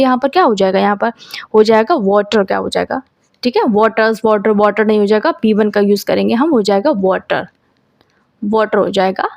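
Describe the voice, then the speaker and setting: A woman teaching an exam-prep grammar lesson, who asks a question and then answers it herself and reads the test sentences out slowly. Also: on the high side, darkish tone, no echo.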